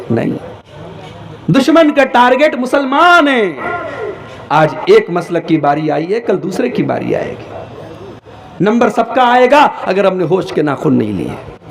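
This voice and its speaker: A male preacher delivers an impassioned sermon in a high, gravelly voice. He swings from loud, rising peaks down to low, quiet drops. He chants his quotations slowly. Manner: opens with slow sung verse.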